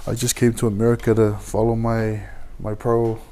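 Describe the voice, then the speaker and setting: A young man from Samoa with a low voice talks casually about his career as a pro boxer. He speaks haltingly, stopping and restarting often and reaching for his words. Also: monotone, warm tone, clear, resonant tone. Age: 20s. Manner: halting, many fillers and restarts. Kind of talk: casual interview.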